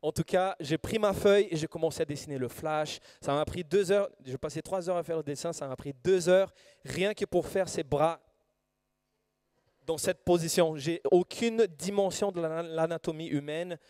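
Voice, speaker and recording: A man from Brazil with a Brazilian Portuguese accent preaching a sermon. He reads scripture and tells personal stories in an animated, self-deprecating way, with many fillers and restarts. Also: fairly high pitch, normal speed, clear, resonant tone, no echo. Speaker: guest preacher. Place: church service before a live congregation.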